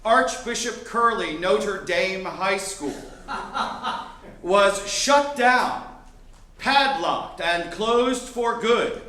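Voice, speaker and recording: A man's voice: high-pitched, sharp tone, reverberant. A man from Miami telling a wry, sardonic personal story onstage in a theater. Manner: wry, sardonic, building to mock outbursts. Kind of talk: live storytelling performance. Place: theater stage.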